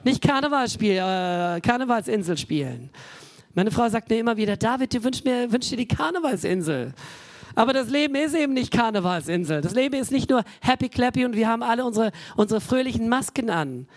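A man preaching a sermon in an emphatic way, often turning to his listeners with quick asides. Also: very high-pitched, lively intonation.

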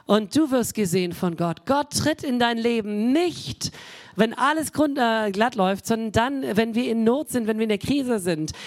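A man preaching a sermon in an emphatic way, often turning to his listeners with quick asides. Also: extremely high pitch, expressive.

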